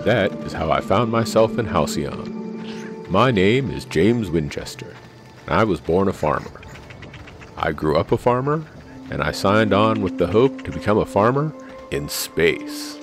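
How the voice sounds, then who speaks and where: Man doing a deep-voiced cowboy space hero. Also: animated, unhurried, over music. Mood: solemn resolve. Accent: put-on American cowboy. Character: earnest farmer turned would-be space hero, cowboy. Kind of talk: role-played game narration and dialogue.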